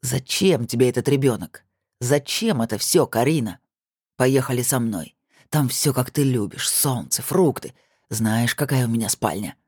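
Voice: expressive, normal speed, a little mellow, husky, no echo, clean studio sound. A reader putting on a leering, menacing ex. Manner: low, coaxing and sneering. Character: crude, leering male ex-boyfriend, pushy and menacing.

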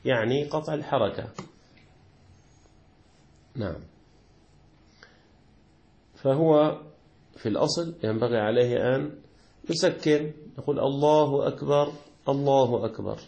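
A man teaches a classical jurisprudence lesson, his mid-pitched voice carrying a rough, gravelly edge. He explains patiently, repeating key words and posing questions that he answers himself. Now and then he slowly chants the words of the call to prayer. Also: a little mellow. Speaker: sheikh teaching Hanafi jurisprudence.

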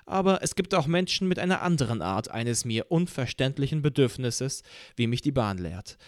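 A man's voice: mid-range voice, lively intonation, normal speed, no room sound, clean studio sound. Man reading a story expressively. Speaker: reader. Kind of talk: scripted narration.

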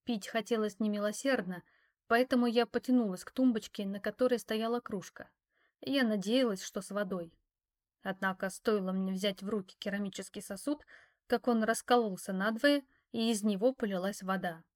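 A woman narrating a first-person novel, expressive and wry. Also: medium pitch, normal speed. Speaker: audiobook narrator.

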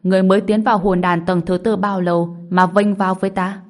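Sneering old martial arts villain guy, read by a woman, fast and loud, mocking the whole time. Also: mid-range voice, little pitch movement, natural voice. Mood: gloating. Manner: scornful, threatening. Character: boastful old male cultivator villain.

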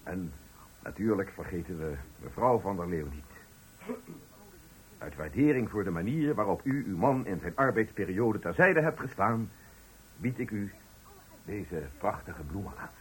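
A low-voiced man acts the part of a pompous, patronizing company director delivering a farewell speech in a Dutch radio play, full of unctuous ceremony. He is animated yet a little slow, with long pauses, and the low-quality recording carries slight background noise.

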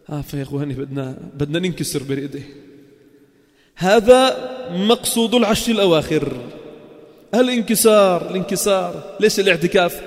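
A man's voice: a little high, big-room sound. A man preaching a Ramadan sermon, impassioned and rising to cries during supplications, recorded in a mosque.

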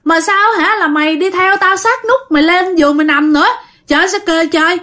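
A woman with a Southern Vietnamese accent voicing a frightened, drunk father who yells fast and exasperated at a ghost. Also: extremely high pitch, voice pushed up. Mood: furious. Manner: yelling, rapid, exasperated.

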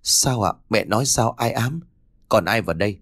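A man voicing a tense, short-tempered young husband who speaks in gruff, curt bursts. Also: fairly low pitch, animated, moderate pace, a bit bright, dry recording, clean studio sound. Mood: uneasy.

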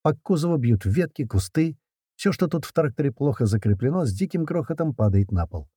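A man reading an action story aloud in the first person, with brisk, slangy narration and shouted lines for the characters. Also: medium pitch, animated, husky, no echo, studio quality. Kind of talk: audiobook narration with character voices.

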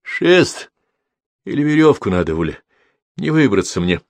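A man's voice: medium pitch, big pitch swings, moderate pace, no echo, studio quality, pitched above the performer's own voice. A man doing a weak, chilled learned man. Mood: strained. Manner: strained, pleading.

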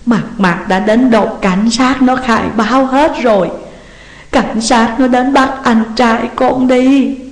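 Audiobook: woman doing a distraught mother, weepy, slow and pleading; reverberant hall sound. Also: fairly high pitch, steady tone, voice pushed up. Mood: wailing. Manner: sobbing, slow and drawn-out pleading. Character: distraught middle-aged mother, tearful and pleading. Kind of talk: audiobook reading. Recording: roomy, long hall reverb.

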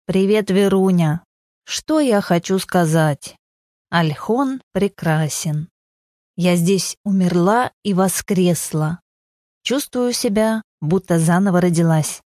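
A woman voicing a devout grandmother in her sixties, speaking slowly on the phone in an audiobook. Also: lowish voice, darkish tone, dry recording, studio quality. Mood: cheerful. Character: grandmother on a retreat, devout, warm.

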